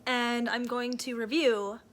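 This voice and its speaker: A young Canadian book vlogger with a Canadian accent sits in a rocking chair at home, chatting casually about reading. Her voice is fairly high, steady and slow, and she rambles with plenty of fillers and self-corrections.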